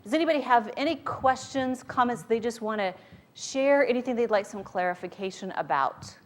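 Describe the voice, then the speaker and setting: A woman's voice: on the high side, animated, brisk. A woman speaking as a motivational workshop leader to a live group, conversational and emphatic, often using rhetorical questions.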